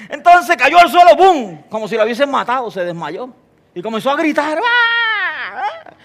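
A man's voice: very high voice, moderate pace. An older man preaching a sermon, telling stories with humorous asides and asking his listeners questions. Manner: animated storyteller, humorous asides, asks the congregation questions. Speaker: pastor.

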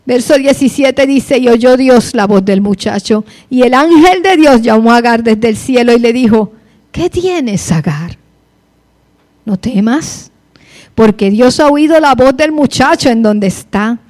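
Woman preacher, high voice, reads the bible then preaches, gets fired up. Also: normal speed, few pauses, a little mellow. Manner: reads scripture then preaches with rising passion. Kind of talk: sermon.

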